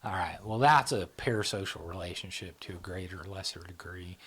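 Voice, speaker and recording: Speaking briskly in a deep, fairly bright voice, a middle-aged psychology channel founder and host chats informally during an interview. He rambles with lots of fillers and keeps adding "right?" and "you know?"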